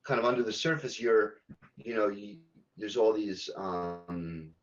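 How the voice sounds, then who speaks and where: A man, a game localization director, answering podcast interview questions haltingly, with many ums and restarts. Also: fairly low pitch, lo-fi sound.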